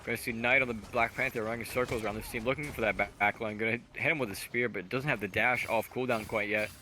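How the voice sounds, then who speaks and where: A man doing fast play-by-play commentary on a college esports match, rattling off calls at an auctioneer's pace. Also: mid-range voice, fairly even intonation, pushed and bright. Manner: rapid-fire play-by-play, self-described auctioneer pace.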